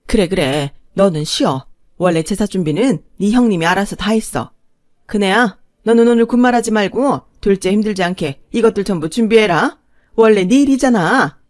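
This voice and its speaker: A high, shrill older mother-in-law, quick to explode and just as quick to fuss, voiced by a woman. Her voice rides loud and sharp. The recording is close and dry. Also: no echo, lightly acted. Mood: gushing. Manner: shrill, shouting, gushing.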